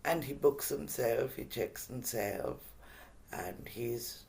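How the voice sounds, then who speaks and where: A male motivational speaker who tells a story in an animated, drawn-out way during a masterclass. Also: mid-range voice, creaky.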